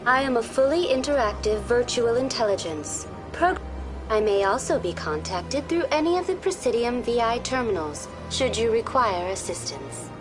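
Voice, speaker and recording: A woman voicing a smooth, polite female virtual-intelligence tour guide in a video game, calm, formal and too smooth, like an android. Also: a little high, moderate pace, natural voice. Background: music.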